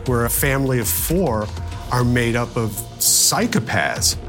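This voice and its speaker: A man with an average-pitched voice explains history as a documentary interviewee. Music plays clearly underneath his commentary. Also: animated, unhurried. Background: music behind the voice.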